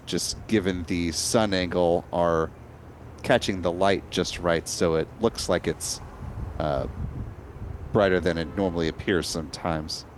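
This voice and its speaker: A man's voice: sits low, a little hiss or hum. A man hosting a live launch webcast, explaining events in a composed way.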